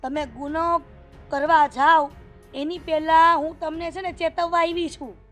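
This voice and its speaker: An actress playing a bossy sister-in-law who scolds and warns the husband in a family stage drama. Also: female voice, very high-pitched, flat delivery, a little slow, a bit bright, soft background music. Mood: scolding. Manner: scolding and warning.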